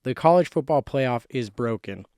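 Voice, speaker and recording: A man's voice: mid-range voice, expressive, normal speed, dark tone, no echo, studio quality. A man hosting a YouTube sports show from a closet, giving casual, slangy, emphatic commentary in a monologue. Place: small closet indoors.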